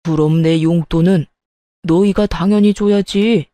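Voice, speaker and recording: A woman voicing an angry, stubborn older father-in-law who scolds in a gruff, blustering way. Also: on the low side, fairly even intonation, a little slow, warm tone, no room sound, pitched below the performer's own voice, natural voice. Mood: grumbling.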